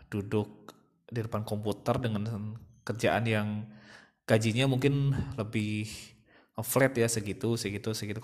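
A young man, hosting a casual podcast monologue in a chatty manner. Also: fairly low pitch. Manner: chatty, imitates babies and others mid-talk.

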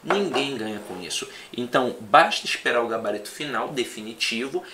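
A man who teaches for exam prep, chatting in a relaxed conversation and telling animated stories. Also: medium pitch, a little fast, a crowd in the background. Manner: animated storyteller, acts out quoted students. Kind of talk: casual podcast conversation.

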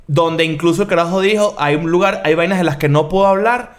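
A man's voice: a little high, fairly quick. A man, giving blunt, crude opinions as a podcast co-host in casual chat.

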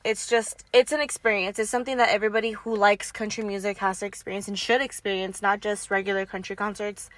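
A young woman co-hosting a podcast, telling stories in an animated way and swearing freely. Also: mid-range voice, fast, hardly any pauses, dry recording. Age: young adult. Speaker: podcast co-host. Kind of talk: casual chat.

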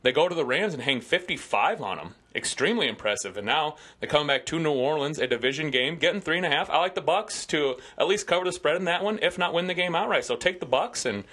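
A man's voice: on the high side, animated, fast, few pauses, bright, forceful tone, husky. A man with a Midwestern American accent, co-hosting a sports podcast and confidently giving his football picks in casual banter. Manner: confident, chatty betting analysis. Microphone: studio podcast microphone.

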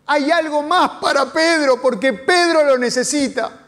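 High-voiced Argentine pastor preaching. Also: male voice, a little slow, fairly bright tone. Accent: Argentine Spanish. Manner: dramatic storytelling with acted quotes and rhetorical questions. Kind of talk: sermon.

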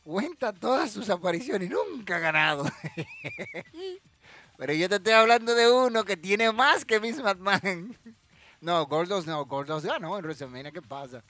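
A man's voice: sits high, animated, moderate pace, pushed and bright, faint music behind. A man hosting a casual live trivia stream, teasing viewers and answering the chat directly. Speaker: livestream host running a wrestling trivia quiz.

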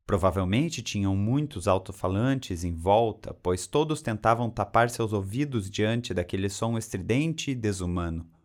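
A man reading a story aloud in a steady, even way. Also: fairly low pitch, unhurried, few pauses. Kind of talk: reading fan fiction aloud.

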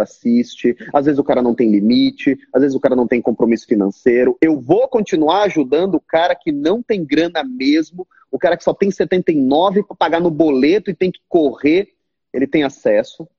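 A Brazilian man who runs an online course, talking to his subscribers on a live stream in a lively, direct way. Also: fairly high pitch, breathy edge, muffled recording. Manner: animated, talks straight at viewers, mimics complaining students.

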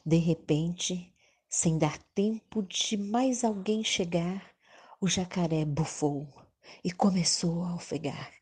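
A woman's voice: on the low side, takes it slowly, a little mellow, slightly rough. A Brazilian woman narrating a children's story expressively, in the manner of a kids show host.

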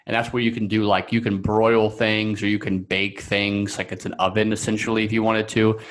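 A man's voice: on the low side, level tone, brisk. A man guest on a podcast, talking casually and rambling with many fillers and restarts. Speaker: coaching client guest.

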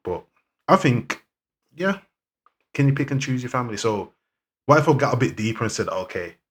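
A man's voice: mid-range voice, expressive, normal speed, fairly bright tone. A man with an urban London roadman accent, chatting casually in slang as a podcast co-host. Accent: London, urban street. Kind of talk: casual chat in street slang.

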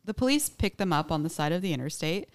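A woman with a lowish voice, big pitch swings and a quick pace hosts a podcast retelling a true crime case. She is chatty, says "like" and "um" a lot and laughs easily.

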